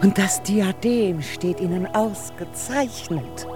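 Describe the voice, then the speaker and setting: A woman's voice: medium pitch, slow, music in the background, close to an everyday voice. An actress playing a languid, lustful, bossy queen in a radio play, with a sultry drawl. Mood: fawning.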